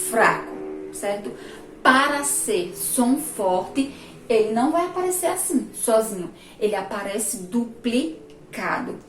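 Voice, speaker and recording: A woman teacher from Brazil giving a remote lesson for young children, patiently repeating words slowly, syllable by syllable. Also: medium pitch, a little hiss or hum. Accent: Sergipe Brazilian Portuguese. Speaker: primary school teacher. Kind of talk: remote class lesson at a board. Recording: echoey room, recorded from a distance.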